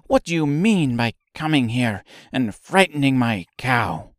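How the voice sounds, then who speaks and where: A man's voice: sing-song, unhurried, dry recording, studio quality. A man voicing an angry young milkmaid of china in a storybook reading. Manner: shrill and scolding.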